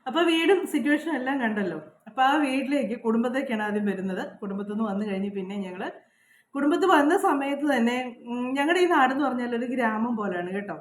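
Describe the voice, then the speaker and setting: Kerala woman vlogging, talks fast, bit high, echoey spot outdoors. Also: animated, slight background noise. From Kerala, India. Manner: chatty and confiding, frequent "kettō" tags. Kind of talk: casual personal storytelling. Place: outdoors at her old house.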